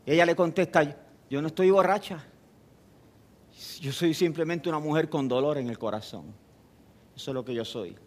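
A man preaching a sermon, speaking to the listener directly with repetition and rhetorical questions, and rising to loud, emphatic passages. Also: fairly high pitch.

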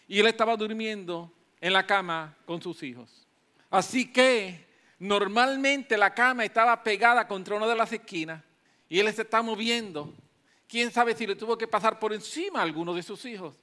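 A man's voice: sits high, moderate pace, bright, forceful tone. A man preaching a sermon, emphatic and repeating hallelujah between points.

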